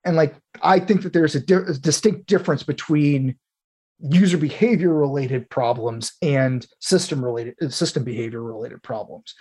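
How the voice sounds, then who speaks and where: A man's voice: fairly high pitch, normal speed, dark tone, breathy edge. A man in the role of host, talking through technical material in an informal, explanatory way and thinking aloud as he goes.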